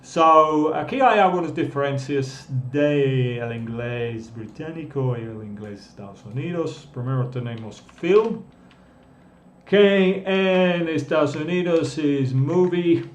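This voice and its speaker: A male English teacher leading a live online language class, speaking deliberately and repeating key words and definitions for his students. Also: a little high, reverberant.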